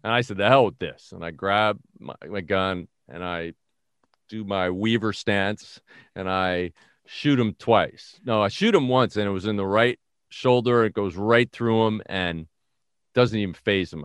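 A middle-aged man from the Bronx, telling a story in an animated, self-mocking way as an interview guest. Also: lowish voice, measured pace, clear, resonant tone, no room sound, clean studio sound. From the Bronx, New York. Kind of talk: casual storytelling.

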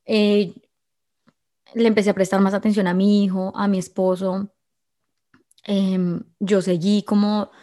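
A woman's voice: mid-range voice, mellow. A woman telling her viewers a personal story in an emotional, confiding way, often restarting her sentences.

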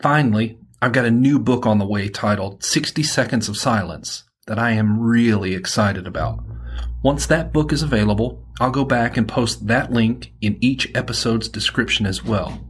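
A man from Alabama with a Southern accent and a slightly husky voice, presenting and reading as an author on his podcast. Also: medium pitch, moderate pace. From Alabama, United States. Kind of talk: podcast introduction and audiobook-style first-person narration.

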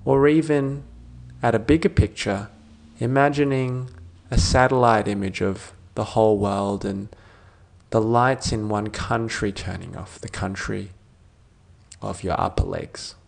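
Speaking in a fairly low, gravelly voice, a man leads a guided sleep meditation. His manner is soothing like a sleep story, with gentle phrases that fade softly and long pauses between.

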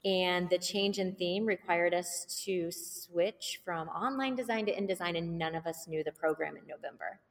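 A woman teacher from Illinois talking on a podcast with brisk enthusiasm. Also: on the low side, creaky. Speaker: teacher, yearbook adviser. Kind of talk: casual podcast interview. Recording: roomy hall reverb.

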